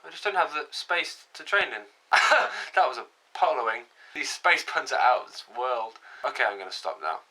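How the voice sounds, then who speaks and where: A man's voice: mid-range voice, animated, sharp tone, rough recording. A man giving a jokey vlog monologue, full of puns and mock apologies. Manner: punning, self-mocking, quick apologies. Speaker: comedy vlogger.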